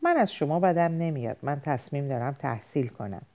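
A woman voicing a quiet, defiant teenage boy who answers his father with firm, short replies. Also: deep voice, lively intonation.

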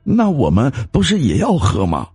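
A man's voice: medium pitch, wildly swooping pitch, normal speed, darkish tone, slightly rough, no room sound, faint music behind, pitched above the performer's own voice, full character voice. A man voicing a timid, cowardly husband who stammers and whines in fear. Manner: stammering, whiny. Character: timid cowardly middle-aged man, fearful.

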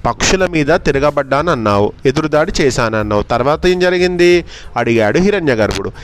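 A man reading a fable aloud in a slow, deliberate storytelling manner, then explaining its lesson to a child. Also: a little high, expressive, slight background noise.

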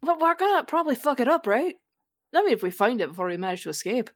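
A woman's voice: high-pitched, sing-song, quick pace. A woman bantering as a tabletop game player in casual slang, blunt and irreverent, with some swearing.

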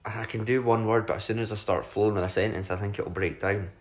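A man with a slightly low voice co-hosting a laid-back podcast. He reads out quiz text and jokes around between readings. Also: steady tone, fast, slightly rough. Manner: jokey, reads out quiz text then banters. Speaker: podcast co-host. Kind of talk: casual chat.

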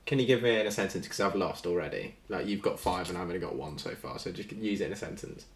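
A man's voice: low-pitched, fast, echoey room. A man in a casual chat, good-humoured and self-mocking as he guesses words. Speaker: vlogger being quizzed.

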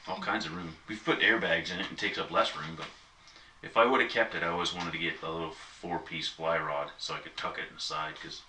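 A man's voice: deep voice, fairly even intonation, brisk, bright, forceful tone. A man in casual chat, telling a long, easygoing story with many asides. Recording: echoey room, mic at a distance, faint noise.

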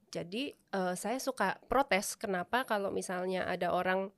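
A woman from Indonesia, speaking at a moderate pace in a mid-range voice, is a guest in a casual interview. She tells stories animatedly, laughs often and acts out dialogue she remembers.

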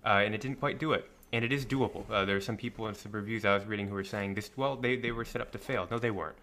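Bright-voiced man reviewing a movie. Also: fairly low pitch, fast talker. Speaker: podcast co-host. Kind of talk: casual movie review chat.

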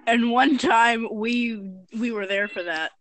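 A young woman on a friends' call, teasing in a slow, deadpan way. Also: on the high side. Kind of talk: casual chat among friends on a call.

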